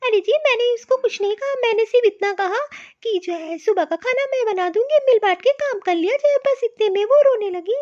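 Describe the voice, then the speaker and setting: A woman's voice: very high voice, animated, a little fast, hardly any pauses, a little mellow, dull audio. A woman voicing a put-upon elder daughter-in-law who scolds and complains in a cartoon. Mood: defensive. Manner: aggrieved, scolding. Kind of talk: cartoon voice acting.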